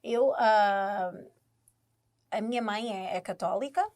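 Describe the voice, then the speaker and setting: A young woman with an Angolan Portuguese accent, co-hosting a casual chat and thinking aloud with many pauses and fillers. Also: medium pitch, a little mellow. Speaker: podcast co-host.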